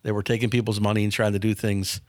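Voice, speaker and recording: This business owner in his fifties, from a small town outside Milwaukee, talks quickly in a low, level voice. The recording is clean studio audio with no echo. In a casual interview, he answers frankly and tends to repeat words at the start of sentences.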